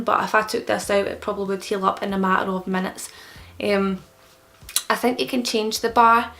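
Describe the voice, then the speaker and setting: A woman's voice: medium pitch, a bit bright. A young woman in casual explanatory vlog talk, her speech slightly impeded and thick-tongued, as with a newly pierced tongue. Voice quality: creaky. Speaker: vlogger answering common questions.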